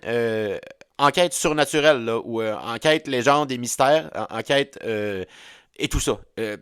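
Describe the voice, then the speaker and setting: A man with a Québécois French accent talks straight to the listener in a halting, stammering comic ramble, breaking into frequent laughter at his own jokes. His pitch sits in an ordinary middle range for a man. The recording is dry, with no room sound around him. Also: no room sound. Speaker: host of a comedic audio series. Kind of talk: rambling comedic monologue.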